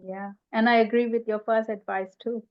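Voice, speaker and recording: A woman co-hosting a podcast, playful and agreeable, chiming in with quick comments. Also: on the high side, level tone, lo-fi sound. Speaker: podcast co-host. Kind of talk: podcast conversation.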